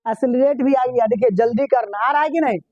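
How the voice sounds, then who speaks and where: Asking his class questions, echoing their answers and spelling out words letter by letter, a male English teacher runs a vocabulary lesson. His voice is extremely high and fast, a little mellow, in a dull, dry lo-fi recording with no room sound.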